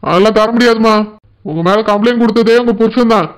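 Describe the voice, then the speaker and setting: Man voicing a curt cartoon policeman, dismissive, Tirunelveli accent, very high voice. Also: fast talker. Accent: Tirunelveli Tamil. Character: unmoved village policeman, curt. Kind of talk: cartoon voice acting.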